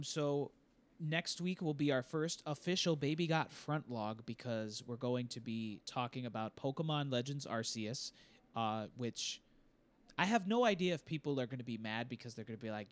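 Rambling young man co-hosting a podcast. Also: medium pitch. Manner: rambling, self-deprecating, jokey. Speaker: podcast co-host. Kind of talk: casual podcast chat.

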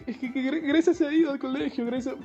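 A man voicing a tearful teenage schoolgirl in a high, shaky voice. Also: fast, dark tone, lo-fi sound, faint music behind.

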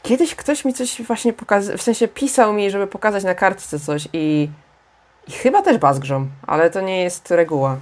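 A woman's voice: medium pitch, lively intonation, moderate pace, a little mellow. A woman co-hosting a podcast, chatting casually and thinking aloud with fillers. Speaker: podcast co-host.

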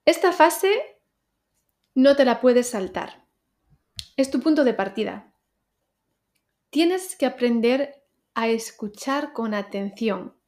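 Clear-voiced Spanish teacher woman. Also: fairly high pitch, darkish tone. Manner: clear, deliberate teaching delivery, addresses listener directly. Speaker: Spanish pronunciation teacher, podcast host. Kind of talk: podcast lesson for learners.

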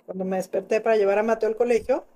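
A middle-aged woman with a Mexican accent, telling lively stories about motherhood in a casual group chat and acting out what she once said. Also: medium pitch, rapid-fire. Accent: Mexican Spanish. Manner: animated storyteller, acting out her own past lines.

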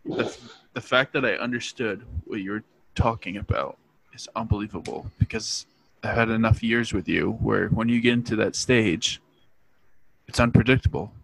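A man's voice: on the low side, moderate pace, creaky, a bit bright, low-quality recording. A young man in his twenties, co-hosting a podcast, teasing and joking with a guest in casual, profane chat. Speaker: podcast co-host.

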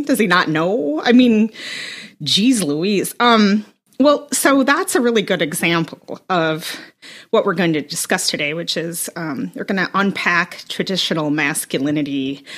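A woman in her forties co-hosting a podcast, talking in a relaxed, chatty way. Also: fairly low pitch. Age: 40s. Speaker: podcast co-host. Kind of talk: casual chat.

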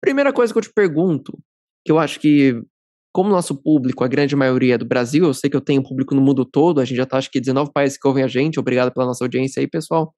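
A man hosts a podcast, talking fast and friendly in a steady mid-range voice. The sound is dry and close, with no room around it. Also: medium pitch, no echo. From Brazil. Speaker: podcast host. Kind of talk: casual interview chat.

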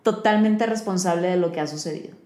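A woman's voice: lowish voice, quick pace, darkish tone. A woman hosting a podcast, talking in an earnest, advice-giving way. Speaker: podcast host. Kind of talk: conversational podcast chat. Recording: roomy echo.

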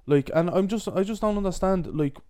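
Clear, higher-pitched young Dublin man. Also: fairly quick, dark tone. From Dublin, Ireland. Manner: sweary, repetitive, colloquial. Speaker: podcast co-host. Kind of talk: casual opinionated podcast chat.

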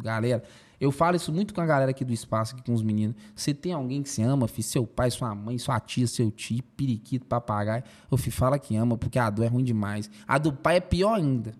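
Fast-talking young man. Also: mid-range voice. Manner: emotional, animated retelling, peppered with slang fillers. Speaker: podcast guest. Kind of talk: casual podcast storytelling.

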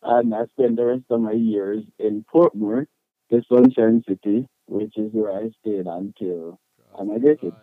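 A man's voice: lowish voice, fairly even intonation, a little slow, dry recording, phone-quality sound. A man with a Jamaican accent telling personal stories as an interview guest, candid and emphatic in colloquial speech. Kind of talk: personal storytelling in conversation.

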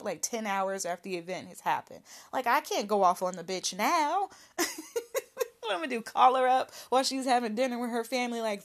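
A young woman talking candidly to camera in a personal monologue, frank and animated, laughing often and swearing freely. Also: mid-range voice.

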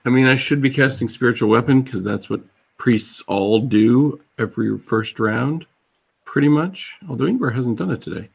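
A man's voice: medium pitch, normal speed, creaky, slightly rough. A man running a tabletop fantasy game as game master, casual and playful with chuckling asides.

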